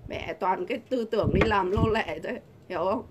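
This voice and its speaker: A woman's voice: mid-range voice, a little fast, noisy background. A middle-aged woman, delivering a combative, insulting vlog rant full of rhetorical questions. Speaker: vlogger. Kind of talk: angry political rant to camera.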